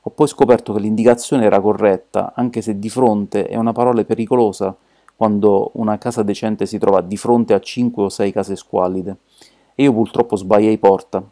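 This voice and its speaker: Brief: defensive, excitable colonel voiced by a male reader, dark tone, storybook reading. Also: fairly low pitch, normal speed, close to an everyday voice. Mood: agitated. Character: agitated middle-aged male ex-army colonel.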